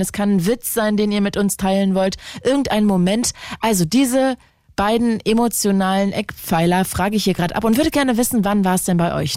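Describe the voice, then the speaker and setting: A woman's voice: medium pitch, dry recording, studio quality. A woman hosting a radio call-in show, chatting encouragingly with callers and asking questions. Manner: warm, encouraging, enthusiastic reactions.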